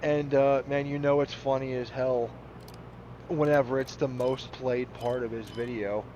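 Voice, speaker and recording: A man's voice: medium pitch, little pitch movement, unhurried, warm tone, muffled recording, a little hiss or hum. A man chatting casually while playing a game, rambling, laughing often and swearing freely. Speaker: gaming channel host. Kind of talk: casual commentary over gameplay.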